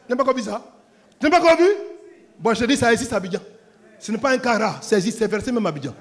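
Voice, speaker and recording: A pastor preaches a sermon in a high, very fast voice. He tells stories animatedly, acts out scenes and laughs along as he goes.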